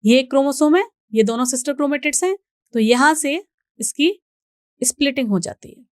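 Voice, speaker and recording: A woman's voice: high-pitched, darkish tone, dry recording, clean studio sound. A young woman with an Indian accent teaching biology in a recorded exam-prep lecture, explaining step by step and often checking in with her students. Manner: explains slowly, reads English lines out deliberately, checks in with "ठीक है".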